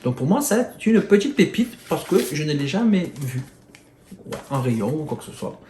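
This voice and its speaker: A man with a Marseille accent, chatting casually to camera about his bargain finds, excitable and rambling with lots of fillers and mild swearing. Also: a little high, moderate pace. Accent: Marseille French. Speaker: video host showing flea-market finds. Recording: echoey room with faint noise.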